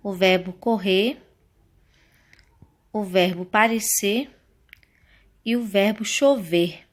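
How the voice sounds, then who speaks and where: A woman from Brazil teaching a grammar lesson, explaining slowly and carefully to her students. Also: medium pitch.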